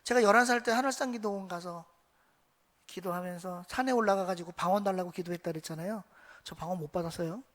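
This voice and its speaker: A man's voice: high voice, fast, a bit bright. A man preaching a Sunday sermon as pastor, telling a story and acting out quoted voices, asking the congregation rhetorical questions. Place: church sanctuary. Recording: long church reverb.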